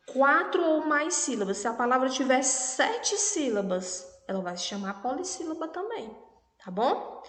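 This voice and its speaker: Patient Brazilian woman teacher, echoey room. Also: fairly high pitch. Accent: Brazilian Portuguese. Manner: patient, checks in with "tá bom?" and "né?" often; clear, over-articulates words for children. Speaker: primary school teacher. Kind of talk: recorded online lesson for children. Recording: echoey room with long reverb.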